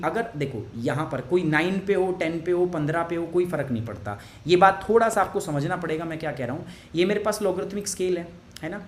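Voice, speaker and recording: A man's voice: sits high, fairly bright tone. A male teacher walks his students through a science lesson, throwing out questions and answering them himself. He works English phrases into his sentences and patiently goes back over points. His voice rings with the echo of a bare room. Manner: patient, repeats explanations.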